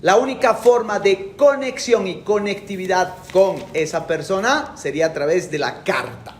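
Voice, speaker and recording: A man's voice: sits high, normal speed, roomy sound, slight background noise. A middle-aged man giving a classroom lecture in a colloquial, emphatic way, repeating his key phrases. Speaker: university lecturer.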